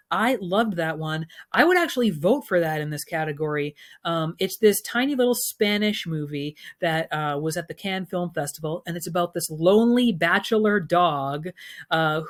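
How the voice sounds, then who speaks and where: A man's voice: high voice, fairly bright tone. A man talking casually through his film award predictions, chatty and opinionated, with frequent ums and uhs. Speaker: film commentator.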